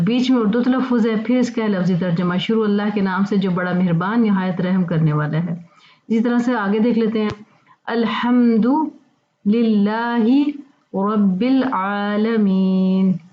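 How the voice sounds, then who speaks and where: A woman with a Pakistani Urdu accent, teaching Quran pronunciation to women, with patient explanations and slow recitation of verses. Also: medium pitch, highs cut off.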